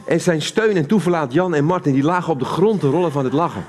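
A man's voice: on the high side, fast talker, darkish tone. Dutch man preaching, chatty and questioning. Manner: conversational, asks the audience questions. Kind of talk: live sermon to a congregation. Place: church hall.

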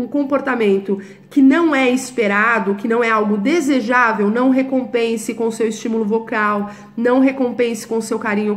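A woman teaching as a dog trainer in a direct, instructive way, often pausing to check that her listeners follow. Her voice sits a little high for a woman. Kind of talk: educational talk to camera.

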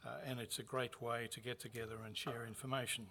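A man, a university executive, opening a conference with a measured, formal address that carries light touches of humor. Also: mid-range voice, level tone, bright, forceful tone, a little hiss or hum. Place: conference venue.

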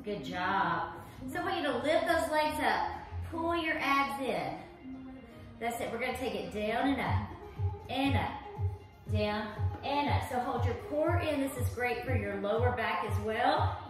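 A high-voiced woman leads a workout as an aerobics instructor. She gives unhurried, encouraging cues and counts while exercising. The room is very echoey, with faint music behind her. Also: expressive. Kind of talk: live exercise class instruction with counting and cueing. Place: living room with hard wood floor, indoors.

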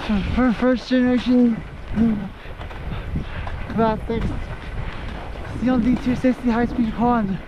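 A ski vlogger giving halting, casual running commentary while skiing down an outdoor slope, recorded on a worn action camera; the speaker often repeats and restarts words. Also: medium pitch, level tone. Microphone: action camera worn by the skier, not seen. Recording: dull muffled sound with loud wind noise.

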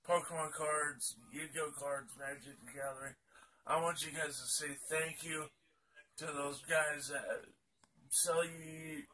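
A man's voice: a little high, bright, forceful tone, recorded from a distance. A tired, sleepy man rambling casually to his vlog viewers, with lots of restarts. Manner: rambling, many fillers and restarts. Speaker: YouTuber.

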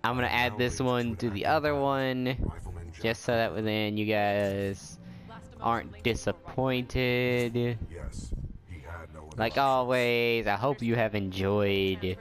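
A man's voice: medium pitch, fairly even intonation, slow pace. A young man hosting a let's play, chatting casually and trash-talking the game as he plays. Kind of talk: casual gameplay commentary. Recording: game music loud behind voice.

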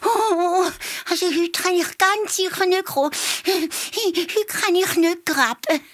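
A woman's voice: fairly low pitch, sing-song, slow, breathy edge, dry recording, studio quality, pitched above the performer's own voice, full character voice. A woman with a Swiss German accent voicing a lazy, sly little male hare who whines and stammers in a storybook tale. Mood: moaning. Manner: whiny, moaning, stammering.

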